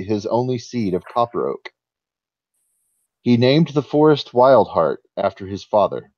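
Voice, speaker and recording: A man playing an ancient, sleepy male giant who tells old legends slowly and solemnly in a tabletop game. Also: mid-range voice, darkish tone, muffled recording.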